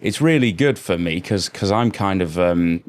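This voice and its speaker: Jokey man, low voice. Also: lively intonation, moderate pace. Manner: jokey, rambling, self-deprecating, fond of puns. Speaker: podcast co-host, guitarist. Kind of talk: casual chat.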